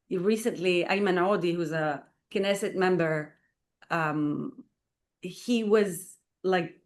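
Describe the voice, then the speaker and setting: A fairly low-pitched woman from Israel, a playwright and performer, gives an earnest radio interview as a guest, peppering her answers with fillers such as "like" and "you know." The sound comes from a studio microphone.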